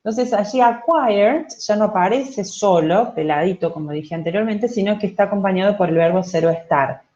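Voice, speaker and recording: A Spanish-speaking woman teaches English in an online class, explaining slowly and patiently and checking in with "¿sí?" and "¿ok?". Her voice is medium in pitch with a dark tone, and the sound is lo-fi.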